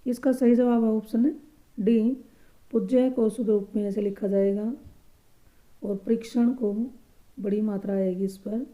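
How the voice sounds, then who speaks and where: A woman teaching a grammar lesson for exam preparation, patiently explaining answers and repeating each correct word slowly and softly. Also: mid-range voice, steady tone.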